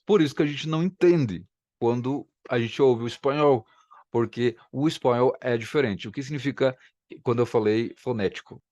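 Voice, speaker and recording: A man's voice: medium pitch, normal speed, a little mellow, no room sound, muffled recording. A man teaches a language lesson at home, patiently repeating words to demonstrate sounds. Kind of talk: explanatory video lesson. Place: home room, filming himself. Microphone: camera facing him.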